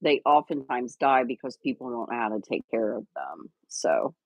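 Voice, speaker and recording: A woman's voice: a bass voice, big pitch swings, moderate pace, gravelly, dry recording. A woman co-hosting a casual livestream, chatty and rambling with lots of fillers and restarts. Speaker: livestream co-host.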